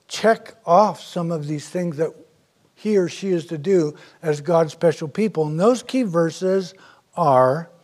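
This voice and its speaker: Slow, earnest male pastor preaching. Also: a little high, darkish tone. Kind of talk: sermon.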